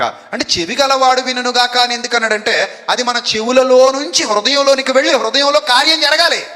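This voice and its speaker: A man with a high, bright, forceful voice preaches to a live congregation, throwing questions at them and waiting for replies. The sound rings with long echo from a church hall. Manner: fires questions at the congregation and has them answer. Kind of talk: sermon. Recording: echoey hall reverb.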